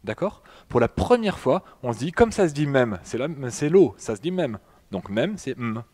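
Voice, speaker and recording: A man's voice: mid-range voice, big pitch swings, moderate pace, darkish tone. A man with a French accent giving a public lecture with slides, talking to the audience with many fillers and restarts. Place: public hall in front of an audience.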